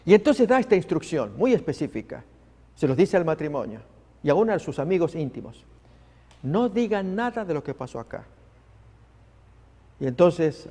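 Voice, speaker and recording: A man preaching a sermon, dramatic and expressive, acting out the people in the story he tells. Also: fairly high pitch. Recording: long hall reverb.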